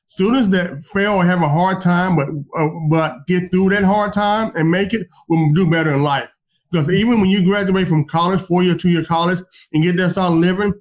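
A man with a high, brisk voice hosts an interview, handing out motivational advice in a lecturing, encouraging way.

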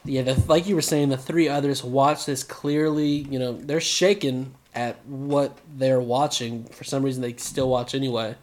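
A man co-hosting a podcast, chatting casually through an episode recap with animated, joking asides. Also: medium pitch, normal speed, few pauses. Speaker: podcast co-host.

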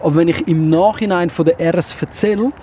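A man with a Swiss German accent hosting a casual podcast chat on a walk, talking quickly and acting out little quotes. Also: a little high, slight background noise. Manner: quick, lively, acts out quotes. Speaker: podcast host. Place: outdoors on a walk in town.

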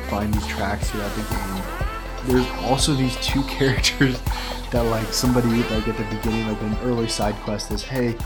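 A man co-hosting a gaming podcast, chatting casually and excitedly, rambling with lots of filler words. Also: fairly low pitch. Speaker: podcast co-host. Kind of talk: casual game review chat.

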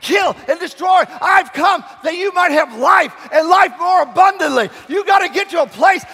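Booming high-pitched male preacher in a hall. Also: lively intonation, moderate pace, sharp tone, raised voice. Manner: booming, impassioned motivational preaching; emphatic repetition of short phrases. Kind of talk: sermon. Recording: echoey large hall, long reverb.

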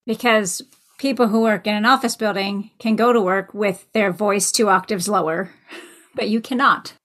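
A woman's voice: medium pitch, fairly even intonation, moderate pace, a bit bright. A woman interviewer asking questions in a playful, casual way.

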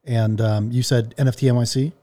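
A man hosting a casual live audio chat, talking loudly and with animation and laughing often. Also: mid-range voice, fairly even intonation, a little fast. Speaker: host.

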